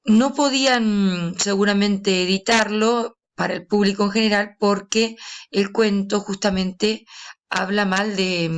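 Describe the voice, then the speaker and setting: A woman giving a recorded literature lesson, explaining slowly with frequent pauses and hesitations. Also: medium pitch. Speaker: literature teacher. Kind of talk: recorded lesson reading and commenting a story.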